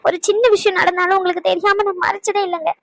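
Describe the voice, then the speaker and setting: A woman's voice: sits high, flat delivery, fast, no echo. An actress playing an anxious young wife who pleads and apologises to her husband. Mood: pleading. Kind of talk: Tamil family drama acting.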